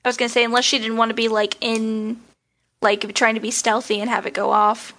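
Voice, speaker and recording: A woman co-hosting a podcast, chatting casually about a TV show with quick asides and frequent laughs. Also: a little high, little pitch movement, fairly bright tone. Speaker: podcast co-host.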